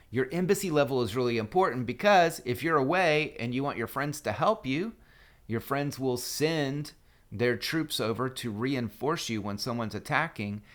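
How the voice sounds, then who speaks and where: A man's voice: mid-range voice, a bit bright. A man casually talking through a mobile strategy game guide as a screen-recorded voice-over, loose and full of fillers and restarts.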